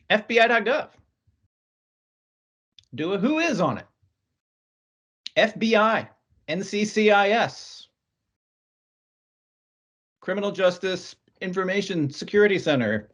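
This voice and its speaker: A man's voice: high voice, very animated, unhurried, long pauses, a bit bright. A man leading an online team meeting, reading aloud with amused asides and easy chuckles. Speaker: team lead presenting to colleagues. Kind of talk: casual work meeting chat. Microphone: video call.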